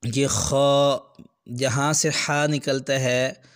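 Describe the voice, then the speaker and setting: A man speaks at a slow pace in a mid-range voice as he teaches young children. He explains patiently with everyday examples and stretches out each sound he demonstrates. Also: medium pitch, steady tone. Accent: Pakistani Urdu. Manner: drawn-out demonstration of letter sounds. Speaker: Quran reading teacher. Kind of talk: children's lesson.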